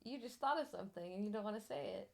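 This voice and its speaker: A woman's voice: medium pitch, animated, racing, creaky, a little mellow. A young woman with a Wisconsin accent chatting casually on a livestream in a candid, giggly, teasing way. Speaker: livestream host.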